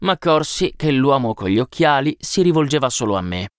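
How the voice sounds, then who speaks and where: A man narrating a literary short story aloud in a calm, measured reading, raising his voice for the townsfolk. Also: mid-range voice, smooth, dry recording, studio quality.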